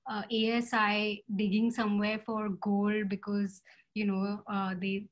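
Woman in her thirties, panelist on a home video call, halting delivery full of fillers. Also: mid-range voice, monotone. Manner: hesitant, many fillers and restarts. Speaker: panelist artist. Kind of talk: casual video call discussion. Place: home room indoors. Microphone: laptop webcam video call.

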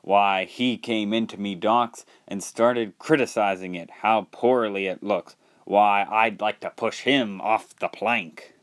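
A grumbling old dockside engine with a pirate's growl, voiced by a male storyteller. He talks low and slowly, like a weathered sea dog. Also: fairly even intonation.

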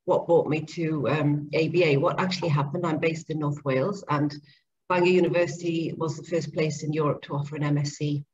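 Middle-aged woman guest, lower voice, earnest and chatty, webcam mic in a kitchen, slightly dull call audio with faint hiss. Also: fairly even intonation, fairly quick, a little mellow. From grew up in Zambia and Papua New Guinea. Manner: chatty, earnest, explains at length. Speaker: guest, speech and language therapist. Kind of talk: casual video-call interview. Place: home kitchen, indoors. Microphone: laptop webcam mic on video call.

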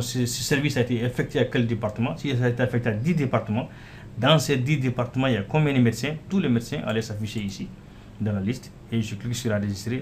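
A man demonstrates the app he developed, talking casually over a screen recording. His fairly low voice fills pauses with "euh" and "voilà" as he jumps from screen to screen, with a faint hum audible underneath.

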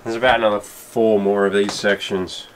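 Working inside a sailboat and on its deck, a thirtysomething man who vlogs about sailing talks casually through his repair job. His voice is lowish and flat, delivered at a normal speed, and the on-location camera audio is noisy.

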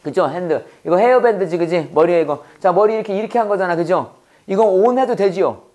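A man's voice: high voice, animated, a little mellow. Man quizzing through a casual English lesson. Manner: quizzing, repeating questions and answering them himself; reads English phrases slowly and deliberately. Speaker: English teacher. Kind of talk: casual classroom lecture.

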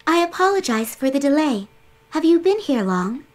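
High gentle goddess voice, formal little book spirit in a game, very polite and measured. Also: female voice, very animated. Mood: calm, polite. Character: gentle, formal, heavenly tome spirit, female, goddess-like guide. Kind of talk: English video game voice acting.

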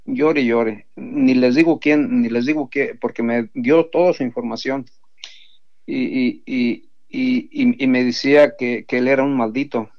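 A man's voice: medium pitch, fairly even intonation, a little slow. A man earnestly telling a testimony story to an audience he calls his brothers, repeating himself as he goes. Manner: earnest, repetitive, addresses listeners as brothers. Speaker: pro-life sidewalk counselor giving testimony. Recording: dull lo-fi recording.

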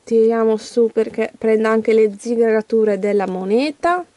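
A woman's voice: on the high side, normal speed, warm tone, no echo. A woman vlogging in a chatty way, talking straight to her viewers and reading a children's story aloud. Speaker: YouTuber opening an advent calendar. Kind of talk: casual vlog chat and reading a story aloud.

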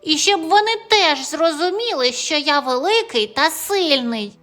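A woman's voice: high voice, expressive, unhurried, sharp tone, faint music behind, voice pushed up, heavily acted. A woman voicing a small timid boy mouse who sounds eager and hurt, speaking plaintively in an audio fairy tale.

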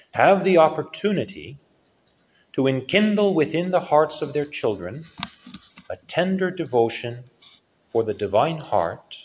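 A male priest giving a solemn sermon with a lively rise and fall in his preaching. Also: medium pitch. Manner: slow, solemn preaching with lively rises and falls.

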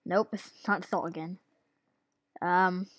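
A woman's voice: on the low side, fairly even intonation, takes it slowly, dry recording. Giggly woman gamer with the hiccups. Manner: giggly, hesitant, lots of ums. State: has the hiccups. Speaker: gaming YouTuber. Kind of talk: casual gameplay commentary.

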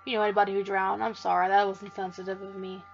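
A woman's voice: mid-range voice, level tone, fast, gravelly, muffled recording, soft background music. A woman hosting a let's play, giving casual gameplay commentary in a jokey, profane, self-mocking way.

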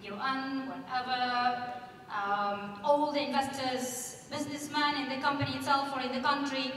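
At normal speed and with a high voice, she addresses the audience from a big conference hall stage, using a handheld mic and asking them questions in a spirited way during the panel. Slight background noise and echo come through, as it was recorded from far away.

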